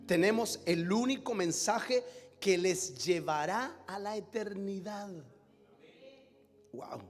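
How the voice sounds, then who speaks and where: A man preaching with a high, ringing voice, swinging from loud declarations down to hushed low asides. His sermon carries through a church hall with a long reverb tail, and soft music plays underneath. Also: takes it slowly. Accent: Latin American Spanish. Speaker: pastor.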